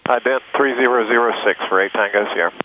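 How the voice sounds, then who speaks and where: A man's voice: mid-range voice, quick pace. A man piloting a plane, reading back instructions in clipped aviation phraseology over his headset radio. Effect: pilot talking over a cockpit headset radio. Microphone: headset boom mic. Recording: narrow phone-like radio audio with faint noise.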